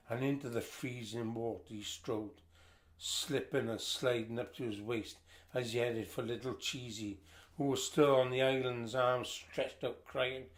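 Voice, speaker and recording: An older man with a medium-pitched voice reads a family history aloud, telling it in a lively storytelling style.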